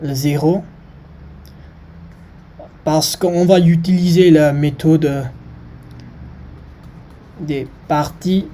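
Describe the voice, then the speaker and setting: A maths presenter speaking French as a learned language, with a foreign accent. The delivery is extremely slow and halting, searching for words, in a soft, mellow tone. There is clear background noise in the recording. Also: medium pitch, steady tone. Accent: foreign, non-native French. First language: not French. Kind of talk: informal maths lesson.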